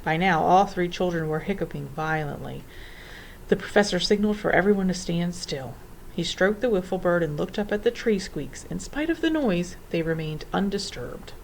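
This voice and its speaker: A woman narrating a children's storybook in an expressive, theatrical way. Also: on the low side, moderate pace, vocal fry, a little hiss or hum, rough recording. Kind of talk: storybook reading.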